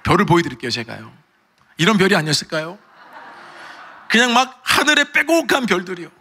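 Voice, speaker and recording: A middle-aged man preaching a sermon as pastor, animated, acting out the voices he quotes. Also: high-pitched, fairly quick, breathy edge. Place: church sanctuary. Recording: long church reverb.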